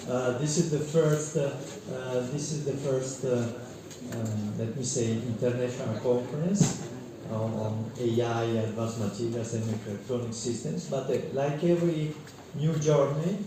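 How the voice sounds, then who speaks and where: A man delivers hesitant opening remarks at a conference, stopping often on fillers. He is heard from far off, and the hall reverb is heavy. Clear background noise hangs under his voice. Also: medium pitch, moderate pace. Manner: hesitant, frequent fillers and restarts. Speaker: invited conference speaker. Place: large echoey conference hall. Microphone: distant from the microphone.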